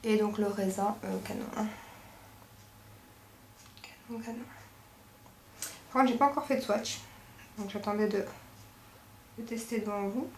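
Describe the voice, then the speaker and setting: A woman's voice: medium pitch, fairly even intonation, brisk, long pauses, darkish tone. A woman with a Belgian French accent chatting casually as a beauty vlogger showing a shopping haul, rambling informally and correcting herself as she goes. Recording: echoey room with faint background noise.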